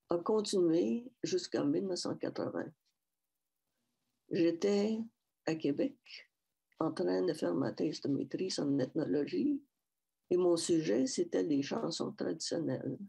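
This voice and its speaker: Speaking from a small room in her home over a headset on a video call, this older woman is a guest speaker giving a personal talk at a public event. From Saskatchewan, she has a western Canadian Métis French accent and a fairly low, gravelly, husky, expressive voice with a dark tone, moving slowly and reflectively with restarts and repetition.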